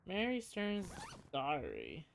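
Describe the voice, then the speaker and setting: A game streamer with a middling pitch talks through a playthrough. The delivery is casual and hesitant, thinking aloud between bits of on-screen text read out. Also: wildly swooping pitch, slow, gravelly, noisy background.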